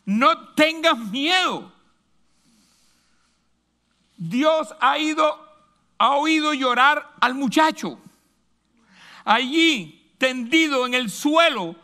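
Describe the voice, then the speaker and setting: A man's voice: extremely high pitch, sharp tone, voice pushed up, full character voice. A preacher voicing an angel calling from heaven and consoling a weeping mother. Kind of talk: sermon retelling.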